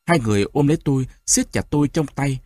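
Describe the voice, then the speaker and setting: Man reading an audiobook, husky, lively, dry close sound. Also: medium pitch, fast, dry recording. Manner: expressive storytelling. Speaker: narrator.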